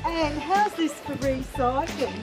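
A woman's voice: high voice, takes it slowly, rough recording. Older aussie lady hosting community radio, chatty and homely, music going behind her. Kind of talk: casual chat.

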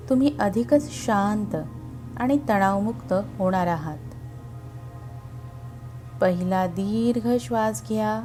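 A woman narrating a guided meditation in a calm, soothing, unhurried way with long pauses, over background music. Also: mid-range voice.

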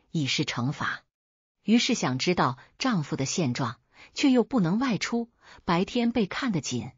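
A woman's voice: fairly low pitch, husky, dry recording. A woman narrating a scripted folk tale as a storyteller. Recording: dull lo-fi dry recording.

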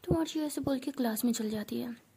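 A woman narrating a story in a rapid, breathy whisper. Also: a little high, noisy background.

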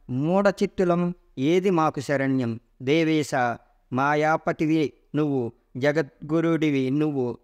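A man's voice: a little high, a little mellow, lightly acted. A man voicing a chorus of grieving gods. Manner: lamenting, pleading.

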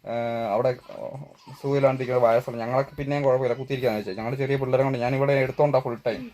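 A man's voice: medium pitch, steady tone, rapid-fire, a little mellow, lo-fi sound. A man talking casually to his vlog viewers at home, rambling and searching for words as he goes. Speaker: family vlogger. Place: at home, partly outdoors.

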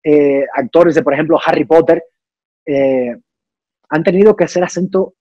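A young Cuban actor-singer talks at a moderate pace in a voice on the high side. The setting is a casual interview where he thoughtfully explains things, often restarting and filling pauses. There is no room sound, and the highs are cut off.

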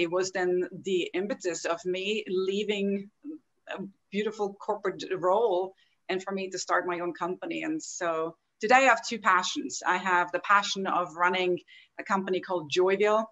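Woman, forties, low-pitched, earnest, on a laptop video call. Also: steady tone, moderate pace, a bit bright, dull audio. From Austria. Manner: earnest, open storytelling. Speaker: guest, health coaching founder. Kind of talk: podcast interview over video call. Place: home room at a desk.

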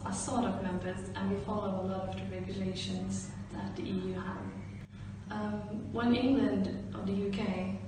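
A young woman from Norway giving a composed, explanatory opinion while seated in an indoor stairwell. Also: medium pitch. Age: young adult. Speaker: interviewee. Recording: echoey stairwell, distant camera, noise.

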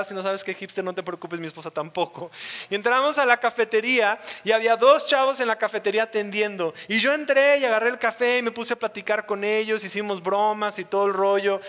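A young Mexican pastor with a high, bright voice preaches to his congregation. He is playful and keeps slipping into quoted voices. The sound carries a long reverb from the church hall. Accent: Mexican Spanish. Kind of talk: sermon.

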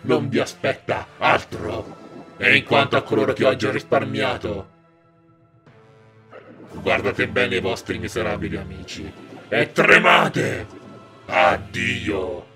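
A man voicing a grandiose, cruel evil duke from a video game in a theatrical, booming way. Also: extremely slow, pauses often, exaggerated voice. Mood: menacing. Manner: theatrical, booming villain speech. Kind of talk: video game dialogue read aloud. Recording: game music playing behind. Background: video game music.

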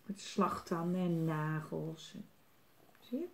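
A woman's voice: low voice, takes it slowly, gravelly. A woman reading a picture book aloud to children, chatting about the pictures between passages. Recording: roomy echo.

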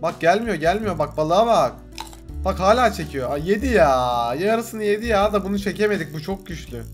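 A young man giving casual gameplay commentary as a gaming YouTuber, excitable, swearing freely and coaxing the fish on screen. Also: sits high, normal speed, faint music behind.

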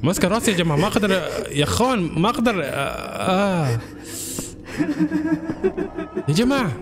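A man commentating a horror game let's-play, excitable and jumpy, constantly calling out to his viewers. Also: high-pitched, rapid-fire. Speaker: gaming channel host.

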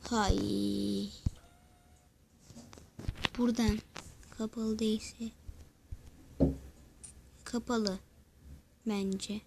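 A woman giving mobile gameplay commentary, excitable and talking to her viewers while she plays. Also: mid-range voice, drawn-out words, creaky, pauses often, a little hiss or hum. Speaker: gaming channel host.

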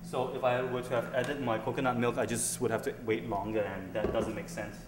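A man's voice: mid-range voice, flat delivery, fairly quick. Young guy cooking and talking, lots of ums, echoey kitchen, noisy far-off camera sound. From Singapore. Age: young adult. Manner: chatty, hesitant with many ums, talks while cooking. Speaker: cooking show host. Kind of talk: casual cooking demonstration. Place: large indoor kitchen.

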